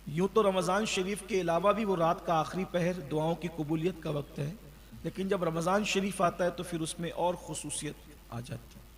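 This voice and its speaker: A man delivers a sermon, his voice pitched high. He exhorts his listeners and asks rhetorical questions. The sound rings with long reverb, as in a large hall. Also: steady tone. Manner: exhorting, rhetorical questions, chants the creed slowly. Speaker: preacher. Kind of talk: Ramadan sermon.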